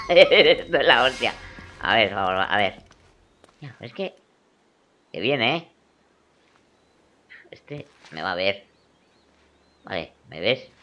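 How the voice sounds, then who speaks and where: A man gives casual let's-play commentary, swearing and talking to himself. His pitch swings widely as he reacts. Loud game music and gunfire play behind him. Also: slow pace, pauses often. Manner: excitable, swears often, talks to himself. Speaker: gameplay commentator.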